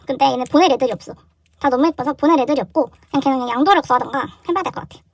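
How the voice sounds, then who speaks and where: Young woman vlogger, high voice, excitable, unboxing chatter recorded on a camera mic at a desk indoors. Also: very fast, dry recording. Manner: excitable, gasping and exclaiming in surprise. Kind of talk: casual unboxing chat.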